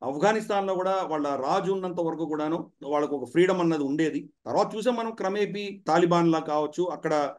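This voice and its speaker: A man's voice: a little high, a little fast, darkish tone. A man speaking as a commentator guest in a studio discussion, explaining at length with frequent "ah" fillers.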